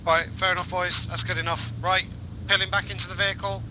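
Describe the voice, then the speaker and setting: Higher-pitched man over loud engine noise. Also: little pitch movement, fast talker. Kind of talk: military briefing and radio calls mixed with casual gamer chat. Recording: very loud vehicle noise throughout.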